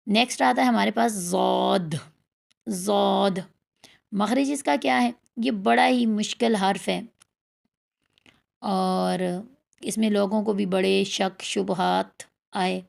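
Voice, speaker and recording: A woman teaching a tajweed lesson, repeating letter sounds slowly and drawn out as she explains how to pronounce them. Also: medium pitch, steady tone, vocal fry. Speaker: Quran recitation teacher.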